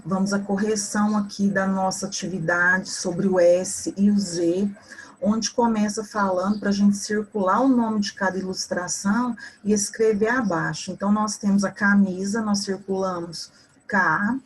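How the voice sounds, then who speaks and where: A woman's voice: medium pitch, fairly even intonation, moderate pace, breathy edge. A woman with a Brazilian Portuguese accent, a teacher correcting homework for schoolchildren, explaining patiently and spelling out words.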